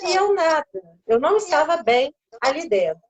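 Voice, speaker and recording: A woman's voice: sits high, sing-song, normal speed, rough recording. A woman with a Brazilian Portuguese accent, a guest on a live stream, telling a personal faith story and acting out the voices she quotes.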